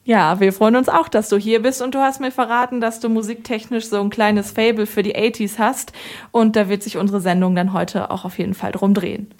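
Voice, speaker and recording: A woman hosting a local radio interview, speaking in a friendly, clear way. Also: mid-range voice, steady tone, a little fast. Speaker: radio host.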